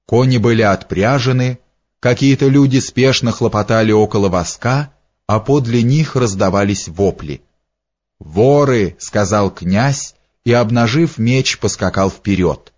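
Slow, low-voiced male narrator. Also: a little mellow. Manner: measured, deliberate reading. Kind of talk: audiobook reading of a historical novel. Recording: dull lo-fi recording.

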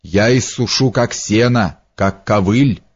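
A man voicing a hoarse, muttering old male sorcerer who boasts and threatens, in a dull lo-fi audiobook recording. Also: lowish voice, slow, heavily acted. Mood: boastful.

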